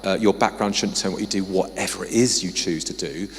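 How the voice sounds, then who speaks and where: English guy giving a conference talk, lowish voice, keeps saying sorry it's depressing, big echoey hall. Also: fast talker, creaky. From England. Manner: conversational, with apologetic asides. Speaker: guest speaker, social mobility researcher. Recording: long reverb of a hall.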